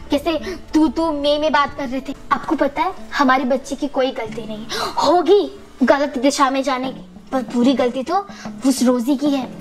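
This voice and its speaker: A woman's voice: sits high, close to an everyday voice. A woman voicing a worried mother who pleads to protect her small daughter in a doll-story role-play. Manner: pleading, soothing, urgent.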